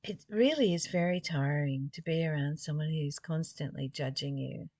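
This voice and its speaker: A woman with a low, somewhat mellow voice reads spiritual text aloud at an ordinary pace, then muses on it informally. She sounds reflective and poses rhetorical questions, and the recording has no echo.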